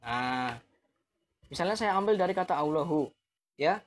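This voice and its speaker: A man's voice: on the high side, animated, normal speed. Man taunting viewers on a live stream. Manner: taunting, challenging with rhetorical questions; chuckles mockingly between points.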